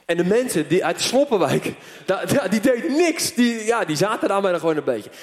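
Man, high voice, lively storytelling sermon, long hall reverb. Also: brisk. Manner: animated, lively storyteller with many fillers. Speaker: preacher.

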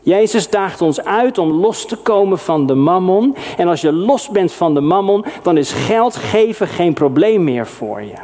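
A middle-aged man from the Netherlands preaching a sermon, lively and personal, with sudden emphatic exclamations. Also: sits high, measured pace, few pauses. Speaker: pastor.

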